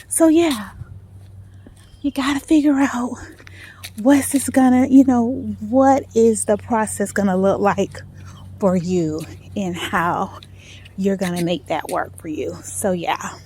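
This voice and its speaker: A woman's voice: mid-range voice, takes it slowly, dark tone. A woman talking casually and encouragingly to followers while out walking, repeating phrases for emphasis. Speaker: vlog host. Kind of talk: casual motivational talk to followers. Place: outdoors, walking in a residential neighborhood. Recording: clear outdoor noise, passing vehicles. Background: outdoor ambience, vehicle noise.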